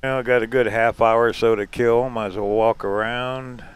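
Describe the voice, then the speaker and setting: A man narrates a casual RV travel vlog to the camera, chatty and chuckling often. His medium-pitched voice is clear and resonant, fairly even, and at normal speed, recorded outdoors and in his car on the camera's built-in mic.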